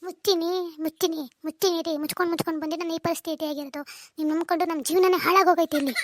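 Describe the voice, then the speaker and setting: Here a woman plays a bitter, resentful young wife in a cartoon drama, her sharp tongue aimed at her husband as she accuses and nags him with a North Karnataka Kannada accent. She speaks rapid-fire in a very high voice with a steady tone.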